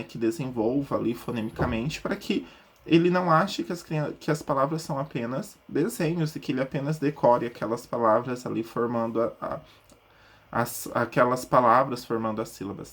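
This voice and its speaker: Husky man teaching a lesson. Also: mid-range voice. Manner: explanatory, many fillers like "tá?" and "né?"; sounds out example words slowly. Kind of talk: recorded lesson.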